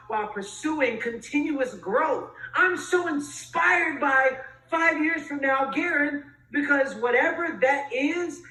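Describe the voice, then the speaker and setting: A woman with a bright, forceful voice speaks earnestly and with emphasis, stacking repeated phrases as she urges listeners toward growth. She sounds a little distant from the mic, in an echoey room. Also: on the high side, a little hiss or hum. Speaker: guest speaker. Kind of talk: motivational talk.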